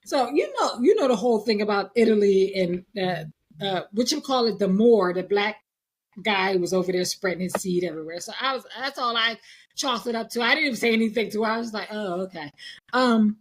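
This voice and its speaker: Husky woman telling a story animatedly. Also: on the high side. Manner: animated, acts out quotes, laughs often. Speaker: podcast host. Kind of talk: casual storytelling chat.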